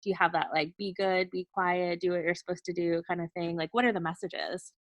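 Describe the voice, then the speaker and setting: A woman host with a lowish voice asks her guest open, curious questions in a relaxed chat. The sound is dry and close. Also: a little fast, dry recording. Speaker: podcast host, coach. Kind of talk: casual interview chat.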